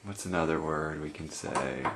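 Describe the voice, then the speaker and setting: A man's voice: extremely low pitch, normal speed, heavy background noise. A man at home patiently coaxing a small child to repeat words, giving short prompts over and over. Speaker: parent teaching a toddler words.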